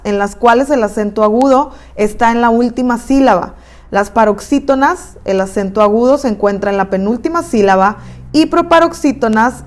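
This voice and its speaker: A woman with a Mexican accent narrating a recorded online lesson, explaining terms step by step at a steady pace. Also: fairly high pitch. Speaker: teacher.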